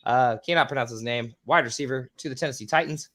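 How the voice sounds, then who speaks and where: A man hosting a casual podcast, rattling off a list with filler ums and casual swearing, his voice a bit squeaky. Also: quick pace, fairly bright tone. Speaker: podcast host.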